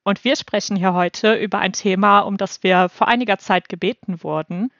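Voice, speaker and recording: A woman of twenty-eight from North Rhine-Westphalia, co-hosting a podcast and explaining things in a measured way. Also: medium pitch, fairly bright tone, no echo, dull audio. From North Rhine-Westphalia, Germany. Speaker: podcast co-host. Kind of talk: scripted podcast discussion.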